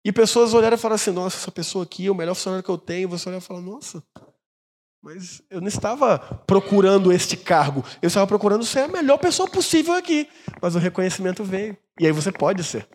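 A man preaches a sermon in a high voice with a husky edge. He tells stories and acts out the voices of the people in them. A long hall reverb lingers after his words. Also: animated, quick pace, a little mellow. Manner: storytelling, acts out quoted dialogue. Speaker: pastor.

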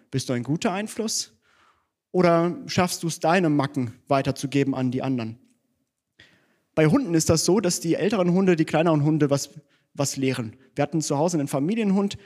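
A man's voice: fairly high pitch, darkish tone. A man preaching a sermon in church, conversational and self-deprecating, mixing teaching with personal stories.

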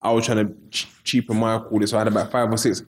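A man with a fairly low-pitched voice talks in a London roadman accent. He tells his stories in loose street slang, like a guest in a relaxed interview, and re-enacts conversations as he goes. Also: quick pace. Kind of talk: casual storytelling in street slang.

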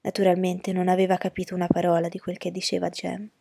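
Woman reading a novel aloud, low husky voice, dry close sound. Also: fast, dry recording. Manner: steady, even storytelling. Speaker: narrator. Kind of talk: audiobook reading.

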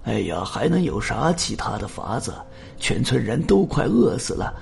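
A man's voice: mid-range voice, very animated, normal speed, vocal fry, a little hiss or hum. A man voicing a worn-out village father who pleads patiently and sighs. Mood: resigned.

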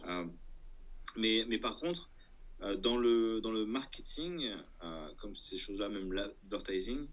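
A man's voice: on the low side, lively intonation, a little slow, a bit bright, poor audio. A man talking casually in an interview as an entrepreneur, hesitating and thinking aloud, often checking that the listener follows. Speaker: entrepreneur guest.

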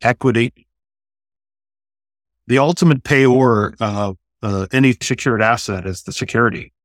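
A man's voice: mid-range voice, measured pace, dry recording, clean studio sound. A man answering questions as a guest on a podcast, in short, plain, earnest sentences. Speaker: podcast guest, note buyer. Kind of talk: conversational podcast interview.

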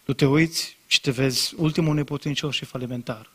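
A man preaching a sermon as pastor, speaking straight to the congregation and building to loud, impassioned emphasis. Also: medium pitch, steady tone, slightly rough. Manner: addresses congregation directly and repeatedly.

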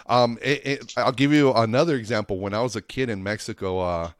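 A stand-up comedian from the Lake Tahoe and Reno area of Nevada, in the United States, chats on a podcast, telling anecdotes in a rambling, earnest, slangy style with some swearing. His medium-pitched voice moves a little fast, and the sound is clean studio quality with no echo.

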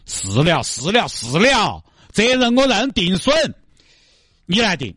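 A man's voice: high voice, huge pitch swings, slow pace, pushed and bright, slightly rough, no echo, exaggerated voice. A man playing a brash rich driver. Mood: pushy. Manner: insistent, chummy, keeps calling the other man brother. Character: brash wealthy male Audi driver, pushy and generous. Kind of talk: comedy skit.

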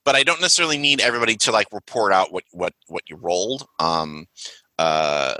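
A man's voice: sits low, brisk, bright, forceful tone, dry recording, poor audio. A man running a tabletop role-playing session as game master, chatty and rambling with lots of fillers.

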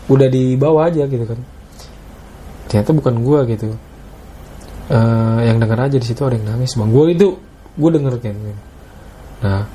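A man's voice: medium pitch, mellow, a little hiss or hum. A man casually telling a story to a host, retelling the dialogue and often calling the listener "Bang.". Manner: Jakarta slang.

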